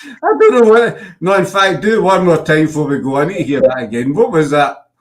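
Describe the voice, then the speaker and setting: A Glaswegian man hosts a casual online chat show, teasing his guest, cracking jokes and slipping in Scots words. His voice is fairly high with lively intonation, and he talks a little fast. He's a podcast host from Scotland.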